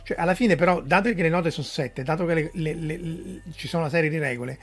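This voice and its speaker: A man with a somewhat higher voice hosts a casual conversation. He asks curious questions, often hesitating and restarting mid-phrase. Faint music lingers in the background. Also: fast talker, husky. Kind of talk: casual chat.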